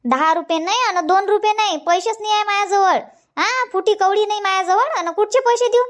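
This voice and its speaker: A nagging old village grandmother from a cartoon comedy, voiced by an actor, with an extremely high, squeaky voice and a Vidarbha Marathi accent. She fires the same question again and again, chiding and coaxing. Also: a little fast, fairly bright tone. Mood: scolding. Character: fussy nagging village grandmother, scolds and coaxes.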